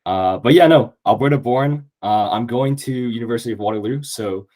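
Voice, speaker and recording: Eager and upbeat, this young man from Canada chats as a podcast guest about to start university, using lots of fillers in casual conversation. He has a mid-range, slightly mellow voice and speaks fairly quickly.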